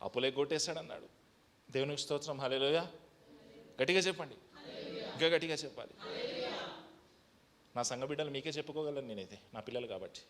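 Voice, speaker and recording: A man preaching a sermon as pastor, moving between loud, high calls to the congregation and quiet, personal testimony, with English phrases mixed in. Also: quick pace, long pauses, a little hiss or hum.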